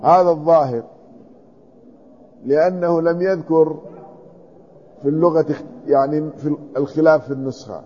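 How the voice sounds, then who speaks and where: A man's voice: fairly high pitch, normal speed, pauses often, warm tone, husky. A man teaching a hadith commentary lesson, reading a passage aloud and then explaining each word. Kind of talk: classical text commentary lesson. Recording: dull lo-fi recording.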